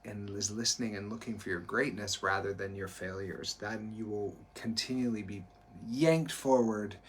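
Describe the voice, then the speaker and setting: A man's voice: on the low side, a little hiss or hum. A man co-hosting a live stream as a performance coach, talking earnestly and encouragingly, often restarting his sentences. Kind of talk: motivational live-stream talk.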